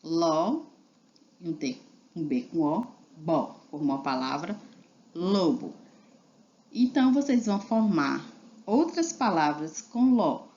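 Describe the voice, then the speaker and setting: A woman teacher walks young children through a reading lesson, sounding out syllables and words one at a time. Her voice sits low and she takes her time, patient and deliberate. The recording is dull and lo-fi, like a simple home setup. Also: expressive, mellow.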